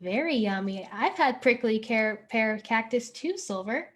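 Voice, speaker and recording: A slightly high-voiced bingo host speaks a little slowly with lively intonation at a family-friendly online event. Chatty and encouraging, she draws out the words she calls.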